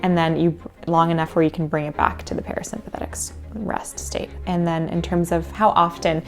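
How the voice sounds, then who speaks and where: A woman with a low, gravelly voice explains things as a coach answering interview questions. She is measured and instructive, with music playing underneath. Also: level tone. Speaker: cold exposure coach.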